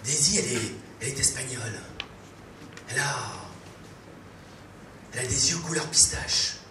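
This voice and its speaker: A man telling a comic story live, in a playful, halting way, with many fillers. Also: medium pitch. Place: live venue. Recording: echoey room, distant mic, faint noise.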